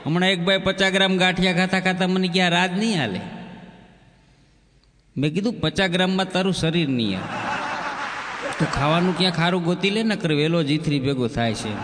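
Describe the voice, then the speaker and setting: A man's voice: high voice, quick pace, background noise. A man, a comedian telling folksy comic stories in a chatty way with bits of sung chanting. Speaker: stand-up comedian. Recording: long hall reverb, faint ambience.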